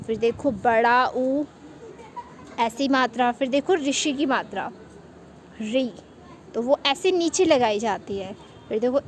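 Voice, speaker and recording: A high-pitched woman teaching small children, patient and slow, repeating every step. A faint hum sits under her voice.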